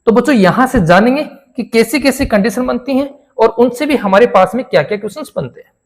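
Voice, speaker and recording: A man's voice: very high voice, expressive, brisk. A man teaching a school maths lesson, asking his pupils questions, answering them himself and repeating each key answer. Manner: addresses pupils warmly as children.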